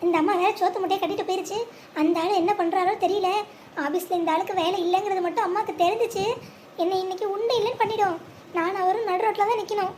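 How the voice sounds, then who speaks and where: A woman voicing a fretful, sharp-tongued young married woman in a cartoon, muttering anxious asides. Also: very high voice, steady tone, fast talker, a little hiss or hum. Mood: panicked. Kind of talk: animated cartoon voice acting.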